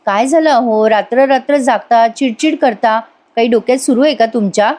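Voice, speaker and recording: A woman's voice: on the high side, moderate pace, darkish tone, natural voice. A woman voicing a caring young wife who questions her husband earnestly.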